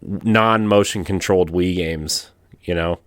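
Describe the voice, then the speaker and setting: A man's voice: low voice, a little slow, fairly bright tone, no echo, clean studio sound. A man on a podcast panel giving casual opinions, often checking in with little tag questions.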